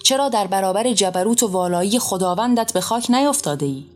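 Woman reader plays a wrathful enthroned male deity; loud, commanding, shouted lines. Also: on the low side, faint music behind, natural voice. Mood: furious.

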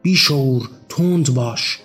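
A man's voice: medium pitch, a bit bright, husky, soft background music. A man voicing a bitter young male laborer, barking harsh commands and insults.

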